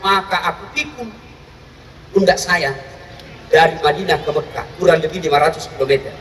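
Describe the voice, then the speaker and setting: A man's voice: on the high side, moderate pace, a bit bright, a little hiss or hum, pitched below the performer's own voice, lightly acted. A man voicing a devoted, weary young man who pleads humbly while telling his story in a sermon. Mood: earnest, weary. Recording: echoey hall, voice from far off.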